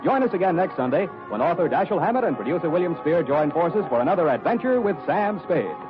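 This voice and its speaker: In a muffled vintage radio broadcast with faint music behind him, a male announcer reads a commercial and the closing credits. His voice is on the high side, sing-song and fast, with a polished, emphatic salesman's style.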